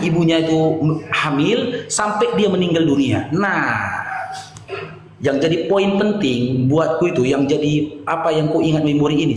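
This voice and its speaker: A man telling his own life story to friends in conversation, animated and emotional, swinging from loud bursts to hushed asides. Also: fairly high pitch, a little hiss or hum. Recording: echoey hall with long reverb.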